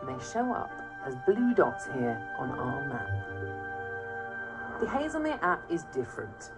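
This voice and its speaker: A woman with a British accent presenting and narrating a documentary in a clear, measured, explanatory way. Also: a bass voice, wildly swooping pitch, low-quality recording. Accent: British English. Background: documentary music.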